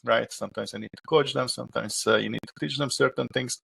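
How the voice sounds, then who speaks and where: Man with a Hungarian accent, very gravelly, husky, middle-aged, halting with fillers. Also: mid-range voice, fairly even intonation, fairly bright tone. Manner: halting, many filler pauses. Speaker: property manager guest. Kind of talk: interview answers.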